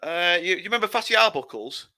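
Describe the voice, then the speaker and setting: Bright-voiced man with halting chatter. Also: high voice, animated. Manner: repeats words and restarts while thinking. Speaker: podcast co-host. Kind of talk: casual podcast chat.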